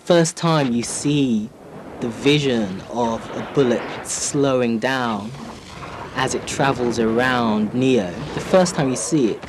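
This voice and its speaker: A man's voice: mid-range voice, slow, noisy background. A man giving reflective commentary in a documentary interview, on audio taped from TV. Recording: taped TV audio, music behind.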